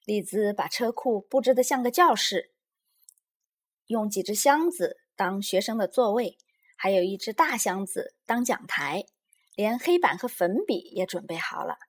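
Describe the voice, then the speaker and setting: A woman narrating a children's story, addressing young listeners in a gentle, measured way. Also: medium pitch, expressive.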